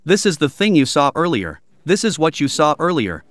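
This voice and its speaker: A man's voice: on the high side, very animated, moderate pace, no echo. A man working as a guide, casually explaining and giving short instructions as he goes. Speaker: cave guide. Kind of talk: casual explanatory chat while guiding.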